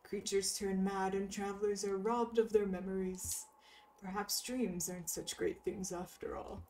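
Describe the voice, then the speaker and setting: A woman voicing a weary old bug villager in a video game, telling it slowly and quietly. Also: mid-range voice, level tone, recorded from a distance, lightly acted, low-quality recording. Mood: ominous.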